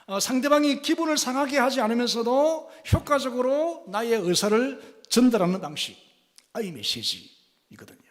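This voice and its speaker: A man's voice: very high voice, moderate pace, long reverb tail. A male pastor giving a sermon, asking the congregation questions and acting out quoted speech. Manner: animated preaching, asks the congregation questions and acts out quoted speech. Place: church sanctuary.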